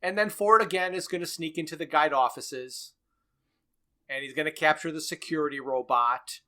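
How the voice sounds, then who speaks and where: A man with a slightly high, pushed, bright voice speaks at a moderate pace while co-hosting a relaxed podcast. He walks through a radio series' plot at length, dissecting it and chuckling along the way.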